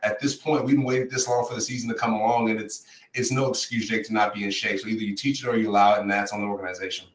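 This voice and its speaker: A man's voice: lowish voice, little pitch movement, racing, few pauses, echoey room, distant mic, low-quality recording. A man co-hosting a sports podcast, a former player who makes emphatic points and repeats them. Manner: emphatic, repeats key points and addresses co-host by name. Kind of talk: casual sports talk.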